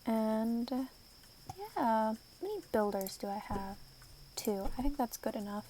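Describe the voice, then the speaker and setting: A woman's voice: fairly high pitch, animated, a little slow, warm tone, a little hiss or hum. A woman streaming a building game, chatting playfully and slipping into mock-dramatic outbursts. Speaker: vtuber streamer. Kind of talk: casual gameplay commentary.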